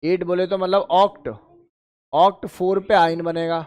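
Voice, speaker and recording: A chemistry teacher, a man with a high voice, runs a lively exam-prep lecture. He drills his students by counting positions aloud and calls them beta and bhai, and his comes through on the technical terms. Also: a little slow, smooth. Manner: addresses students as beta and bhai, asks and answers his own questions.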